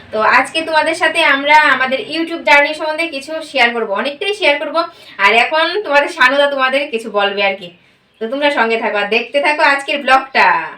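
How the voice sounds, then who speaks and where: A woman's voice: sits high, pushed and bright. A woman from Tripura in India, greeting and chatting with viewers in a friendly way in a home vlog. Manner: friendly, addresses viewers directly. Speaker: vlogger. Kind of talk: casual vlog chat. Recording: echoey room, mic at a distance.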